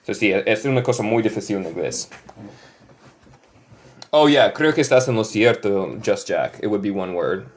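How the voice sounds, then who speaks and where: A man's voice: on the low side, animated, unhurried, long pauses. A man from Michigan with a Northern US accent, a native English speaker teaching a live online lesson in Spanish and English. He repeats example sentences carefully and thanks viewers by name. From Michigan, United States.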